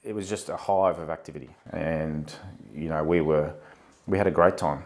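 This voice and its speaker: A very deep-voiced Australian man in his forties answers interview questions in a relaxed, conversational way. He pauses often with ums and uhs, thinking back as he talks. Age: 40s. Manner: hesitant, many ums and uhs, reflective. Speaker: podcast guest, former police officer.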